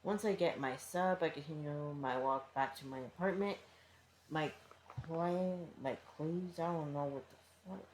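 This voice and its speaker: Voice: mid-range voice, unhurried. A fan reading a first-person fanfiction aloud in a casual style, often tripping over words and breaking off for offhand asides. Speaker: fanfiction reader. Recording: roomy with faint background noise.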